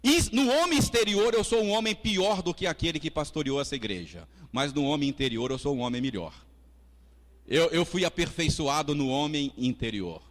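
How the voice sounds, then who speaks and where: A man's voice: a little high, normal speed. A man with a Brazilian Portuguese accent, a pastor preaching a Sunday school sermon in a conversational way, chatting with the congregation between points. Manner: lively, conversational preaching with audience asides and acted quotes. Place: church hall. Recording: long church reverb.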